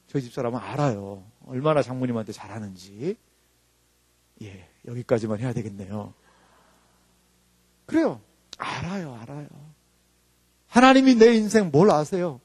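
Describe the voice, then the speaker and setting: A man's voice: mid-range voice, expressive, normal speed, pauses often, a little mellow, slightly rough. A man in his forties, an associate pastor, preaching emphatically and asking the congregation rhetorical questions. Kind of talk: sermon. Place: church sanctuary. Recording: long reverb of a church hall.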